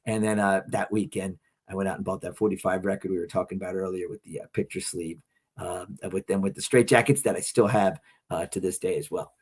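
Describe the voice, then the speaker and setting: A man's voice: sits low, brisk, slightly rough. A middle-aged man co-hosting a podcast, telling a story in casual chat and acting out the quotes with energy. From Philadelphia area, United States. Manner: animated storyteller, acts out quotes. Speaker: podcast co-host.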